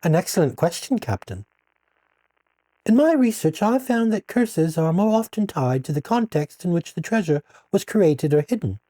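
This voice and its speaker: A woman playing a female archaeologist guest, speaking in a measured, articulate, lecturing way. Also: fairly low pitch, sing-song, mellow, no echo. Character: female archaeologist, scholarly and composed. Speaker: expert guest.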